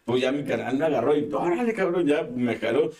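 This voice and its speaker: A man's voice: mid-range voice, brisk, far from the mic, a crowd in the background. Young Mexican guy, casual chat co-host, acts out quotes with laughter, sits back from the mic. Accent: Mexican Spanish. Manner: animated, acts out quoted voices, laughs often.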